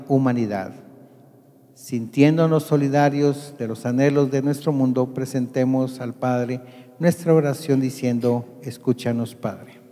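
Mellow priest with cathedral echo. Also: male voice, medium pitch. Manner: calm, deliberate, solemn. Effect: long cathedral echo. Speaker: priest leading Mass. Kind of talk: liturgical leading and prayer. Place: large church. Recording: long church reverb.

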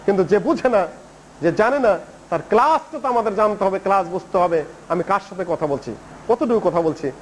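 A man from Bangladesh preaching a sermon in an animated storytelling manner, acting out quoted dialogue as he tells it. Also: high-pitched, brisk, a little hiss or hum, low-quality recording. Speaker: Islamic preacher.

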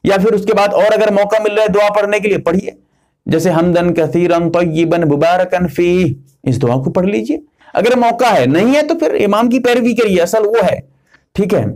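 A man's voice: high-pitched, expressive, a little mellow. A man, an Islamic scholar, giving religious instruction in an earnest, emphatic way, repeating key points step by step.

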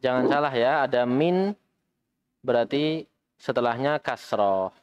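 A man's voice: mid-range voice, measured pace, dull audio, a little hiss or hum. A man teaching an Arabic language class in a mosque, patiently repeating students' answers and correcting them. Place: mosque study session.

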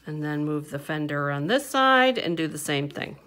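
In a deep, expressive, fairly bright voice at a moderate pace, a woman leads a papercraft tutorial from her indoor craft table. She chats loosely through each stage, dropping fillers and little hums.

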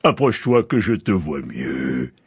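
A man voicing a proud, commanding old king in an audiobook, speaking in a slow, grand, ordering way. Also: rumbling low, sing-song, slightly rough, dry recording, studio quality, voice pushed down, exaggerated voice. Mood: grandly commanding. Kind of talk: audiobook character voice.

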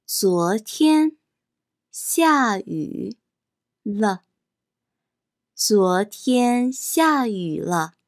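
A woman teaching vocabulary as a slow pronunciation drill, saying each word syllable by syllable and then repeating it. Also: mid-range voice, expressive, no echo, clean studio sound. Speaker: Chinese teacher.

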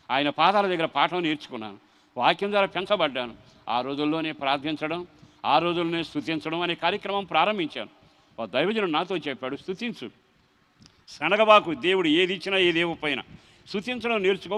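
A middle-aged man, a pastor preaching his testimony and swelling into loud emotional cries. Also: fairly high pitch, poor audio. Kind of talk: testimony sermon.

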